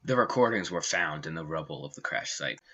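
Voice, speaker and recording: Earnest young man narrating, husky and bright. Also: very deep voice, lively intonation. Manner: earnest, dramatic, slow emphatic phrasing. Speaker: documentary narrator. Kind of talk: scripted narration. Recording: dull lo-fi home mic.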